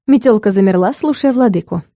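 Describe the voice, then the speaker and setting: A woman narrating a comic fantasy audiobook in a measured, expressive way. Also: mid-range voice, no echo, clean studio sound.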